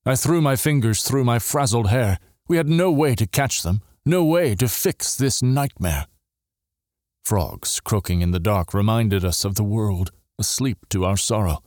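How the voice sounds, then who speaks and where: A lowish male voice telling a dramatic story in the first person, swinging widely in pitch as emotion rises. The sound is close and completely dry. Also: expressive, unhurried, a little mellow, dry recording. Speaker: audiobook narrator. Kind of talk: scripted dramatic narration.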